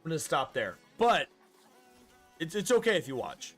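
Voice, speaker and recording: A man's voice: fairly high pitch, sing-song, moderate pace, slightly rough, soft background music. A man in his thirties hosting a casual game stream, chatty and explaining rules at length. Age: 30s.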